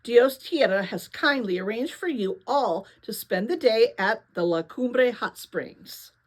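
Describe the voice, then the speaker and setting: A stern, emphatic woman guide from a storybook, read by a woman. She makes brisk announcements, close to the reader's own voice. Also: fairly high pitch, animated.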